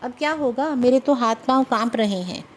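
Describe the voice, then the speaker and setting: A woman's voice: a little high, moderate pace, a little hiss or hum, lightly acted. A woman voicing a timid, cowardly young husband who pleads and frets. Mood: fearful. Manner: pleading, fretful.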